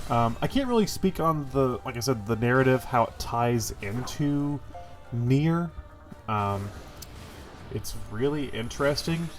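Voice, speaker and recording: A man with a stuffy, congested voice from a cold gives casual, rambling impressions of a game as host of his gaming channel. His medium-pitched delivery is animated and a little slow, full of fillers and the odd swear, with soft music in the background.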